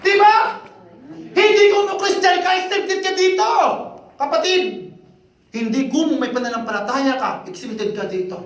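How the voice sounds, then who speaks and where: A man preaching a sermon in Filipino, rousing and joking with the congregation, often shouting. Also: very high-pitched, steady tone, normal speed. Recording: echoey hall, voice from a distance.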